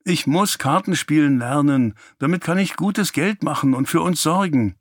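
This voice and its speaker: A man's voice: fairly high pitch, moderate pace, no room sound, pitched above the performer's own voice, natural voice. A cheeky, mischievous young boy who talks back eagerly, voiced by a male narrator. The voice is lifted above the narrator's own and recorded dry and close.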